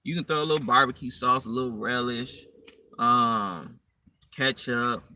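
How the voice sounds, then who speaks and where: Blunt, profane man with a bright voice. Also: medium pitch, unhurried. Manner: blunt, profane, rambling slang. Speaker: dating and fitness vlogger. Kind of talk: casual advice monologue. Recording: distant mic with faint room noise.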